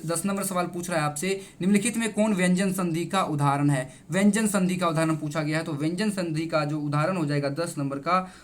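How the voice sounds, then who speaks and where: A man, speaking in a fairly high voice, goes through exam answers one by one. He is emphatic and reassuring. He stops often to repeat the right answer to his students. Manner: repeats each answer, keeps addressing the students. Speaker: teacher. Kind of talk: exam answer-key explanation.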